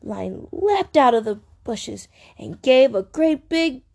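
A young woman reading a picture book aloud to a little one, animated and playful. Her voice is high and warm, swooping widely at an unhurried pace. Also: creaky. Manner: animated, playful, expressive storytelling. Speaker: parent reading to a small child.

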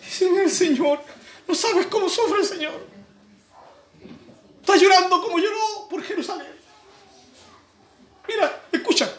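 A man voicing an overly emotional male preacher in a mocking, weepy, drawn-out way. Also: extremely high pitch, fairly bright tone, echoey room, pitched above the performer's own voice. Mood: mock sobbing.

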